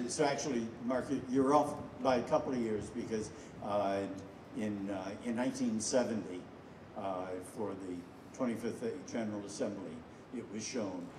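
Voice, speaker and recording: An older man, a filmmaker, introducing a screening to an audience with rambling anecdotes and frequent pauses. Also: fairly low pitch, background noise. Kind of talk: storytelling speech to an audience. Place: festival screening hall. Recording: echoey hall, from far off.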